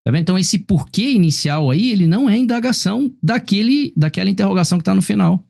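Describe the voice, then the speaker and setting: A man's voice: high-pitched, animated, fast, gravelly, mellow. A man with a Brazilian Portuguese accent teaching a grammar class over a video call, explaining patiently and asking "tá vendo?" again and again. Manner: explanatory, repeats "tá vendo?" and "ó" often. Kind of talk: live online class correcting a test.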